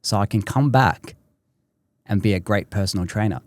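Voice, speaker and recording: A man from Tunisia telling his life story as a podcast guest, animated and full of "literally" and "uh". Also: on the low side, moderate pace, no echo. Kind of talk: storytelling in casual conversation.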